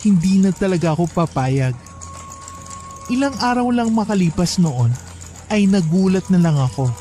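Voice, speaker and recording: High-voiced man narrating a story. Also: normal speed, faint music behind. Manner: calm, reflective storytelling. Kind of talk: first-person horror story narration.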